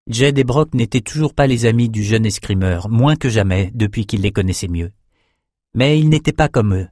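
A man narrating a novel in a steady, measured audiobook reading. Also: fairly low pitch, no room sound, clean studio sound.

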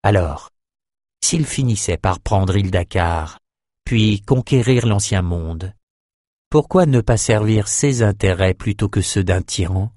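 Man, low voice, measured audiobook narration, dry recording. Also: lively intonation, darkish tone, no echo.

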